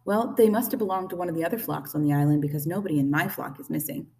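A woman voicing an old gray female goose who talks in a brisk, bossy, no-nonsense squawk for a storybook reading. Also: deep voice, a little mellow, recorded from a distance. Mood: blunt, brisk.

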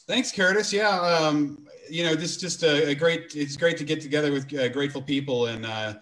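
Podcast host, male, a bit high-pitched, casual and friendly, lots of "um" and "uh". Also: moderate pace, fairly bright tone, rough recording.

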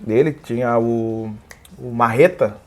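A man's voice: mid-range voice, slow. A man, telling stories in casual chat and acting out the lines of other people. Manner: animated, acts out quoted dialogue. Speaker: guest, comedy video creator.

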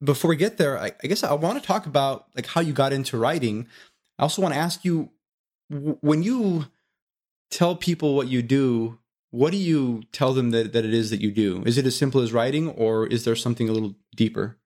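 A man's voice: medium pitch, brisk, darkish tone. A male podcast host asking questions casually, often repeating words as he restarts his sentences. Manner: stammering repeats, friendly questions. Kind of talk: casual interview.

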